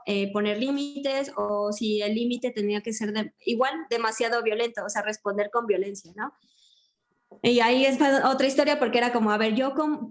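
A woman hosting a podcast, chatting reflectively and retelling conversations with many fillers. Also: on the high side. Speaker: podcast host. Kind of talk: casual podcast chat.

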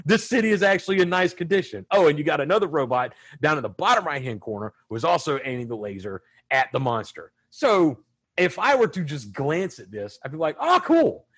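A man hosting a casual podcast, animated and joking as he leads the talk. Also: a little high, a little fast, breathy edge. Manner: animated and joking, does mock announcements. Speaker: podcast host.

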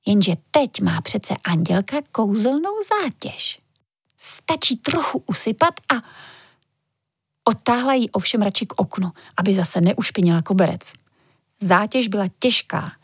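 A woman reading a children's story aloud in a gentle, expressive way. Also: mid-range voice, breathy edge, no echo, studio quality. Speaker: narrator.

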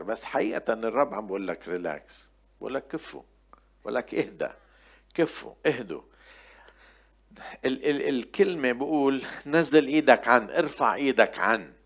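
An older man preaching a sermon, booming out scripture quotes and then dropping to quiet, chatty asides. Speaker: pastor.

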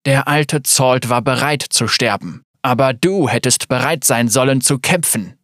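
A man's voice: mid-range voice, measured pace, a bit bright, no room sound, clean studio sound, natural voice. A man voicing a stern, grizzled general who growls clipped commands, in a storybook reading.

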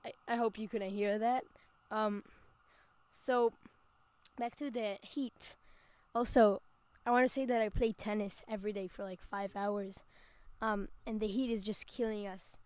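A woman's voice: medium pitch, fairly even intonation, unhurried, a little mellow, clean tone, dry recording. A young woman co-hosting a casual podcast, rambling with lots of "like" and stopping to correct herself. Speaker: podcast co-host. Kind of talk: casual chat.

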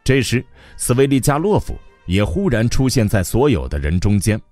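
A man narrating an audiobook in an expressive storytelling manner. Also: medium pitch, moderate pace, dry recording, soft background music.

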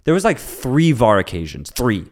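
A lively man co-hosting a casual sports podcast, his pitch swinging up and down as he tells the story. He acts out what people said, laughs often and swears freely. His voice sits in an ordinary middle register. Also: moderate pace. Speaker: podcast co-host.

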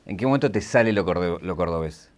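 An Argentine man with a very low, deep voice leads the interview. He asks questions in a relaxed, conversational, probing way. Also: fast. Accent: Argentine Spanish. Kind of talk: interview questions and scripted intro.

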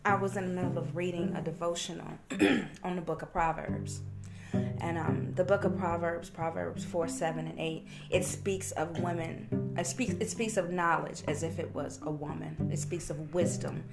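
A woman's voice: lowish voice, steady tone, moderate pace, vocal fry. A woman speaking as a guest in a casual podcast interview, explaining things conversationally. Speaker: podcast guest, skincare entrepreneur. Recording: loud music behind the voice.

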